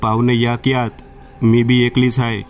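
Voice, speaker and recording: A man's voice: mid-range voice, monotone, measured pace, lightly acted. A man voicing a bold tamasha dancer who is secretly a vengeful female ghost, in a coaxing, earthy rural manner.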